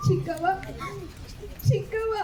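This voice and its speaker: A woman's voice: very high voice, slow pace, background noise. A woman with a North Karnataka Kannada accent voicing a poor, downtrodden young village wife in a dramatic story reading, with a plaintive, brooding manner. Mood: pleading. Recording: roomy home recording.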